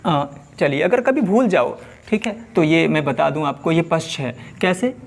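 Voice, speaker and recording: A man's voice: on the high side, moderate pace, gravelly, a little hiss or hum. A man teaching an exam-prep lesson, asking questions and repeating them to his viewers.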